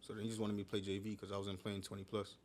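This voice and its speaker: Young man from Connecticut, quick speech, lowish pitch, laid-back slang, casual podcast guest. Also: a little hiss or hum. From Connecticut, USA. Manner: relaxed, slangy, trails off with "um" and "so". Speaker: podcast guest, former basketball player. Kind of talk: casual conversational interview.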